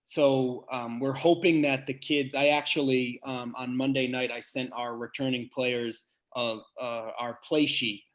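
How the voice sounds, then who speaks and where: On a podcast, a big-voiced head basketball coach answers with earnestness, musing aloud through pauses and restarts. His pitch is medium and his tone steady.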